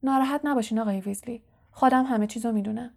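Harry, a woman doing a quick earnest teenage boy. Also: fairly high pitch, steady tone, creaky, a little mellow. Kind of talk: audiobook character voice.

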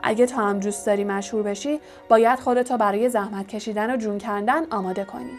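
A woman voicing a vain, evasive male wizard professor who is a fraud, smooth and condescending. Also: medium pitch, steady tone, soft background music, natural voice. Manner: smooth, self-justifying, condescending.

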